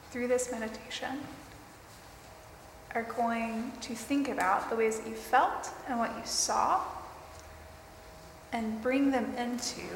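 Slow-paced woman guiding meditation in echoing hall. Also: on the high side. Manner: slow, deliberate, pausing between short phrases. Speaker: guided meditation leader. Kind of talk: guided mindfulness meditation addressed to a group. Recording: roomy, reverberant hall with clear background noise.

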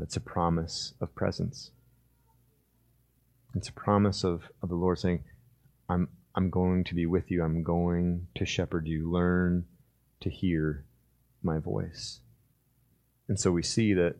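A male pastor delivers an impassioned sermon in a low-set voice. He climbs into loud, fervent bursts, then drops to hushed, slow emphasis. He acts out the voices of the figures in the story as he tells it. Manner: acts out voices of biblical figures in his retelling.

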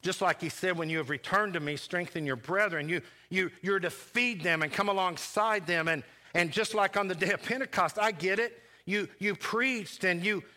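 Pastor guy preaching, animated, stumbles into fast questions, bright forceful tone. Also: high voice. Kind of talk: dramatic sermon. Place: church.

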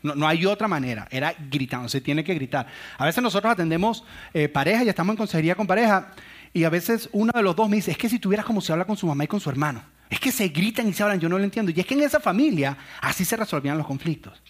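A middle-aged man with a fairly high voice preaches to his congregation. He tells lively stories and acts out little quotes between his points. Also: quick pace. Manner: storytelling with acted-out quotes and laughs. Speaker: pastor. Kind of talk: sermon.

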